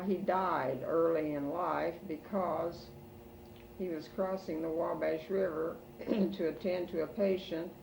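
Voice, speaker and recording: Old midwestern lady slowly reminiscing, halting, kinda far from the mic with noise behind her. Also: on the low side, vocal fry. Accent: American Midwestern. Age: older. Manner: halting, slow elderly reminiscing with pauses. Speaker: oral history interviewee. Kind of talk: reminiscing about family history. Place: in a room at home. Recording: roomy, distant home recording with background noise.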